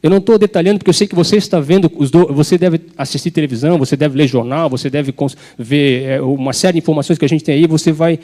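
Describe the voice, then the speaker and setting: A man's voice: fairly high pitch, fairly even intonation, fast, few pauses, mellow. A man preaching a fervent sermon at a church service, speaking directly and emotionally with many asides to the congregation.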